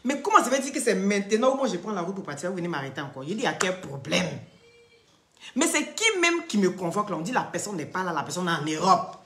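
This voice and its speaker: Animated woman in an echoey room. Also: on the low side, quick pace. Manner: animated, acts out the dialogue, checks in with "d'accord?". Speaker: live-stream host. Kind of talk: casual live-stream storytelling.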